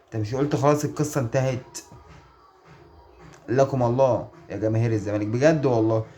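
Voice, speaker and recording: Fast-talking exasperated Egyptian man. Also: medium pitch, mellow, soft background music. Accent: Egyptian Arabic. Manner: exasperated, pleading, full of rhetorical questions. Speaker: online sports commentator. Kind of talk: casual video commentary.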